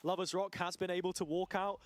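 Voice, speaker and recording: A man casting a competitive shooter match, breaking down tactics and building to excited calls. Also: high voice, brisk, no room sound. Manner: analytical, rising to excited calls. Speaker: esports caster. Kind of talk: play-by-play esports commentary.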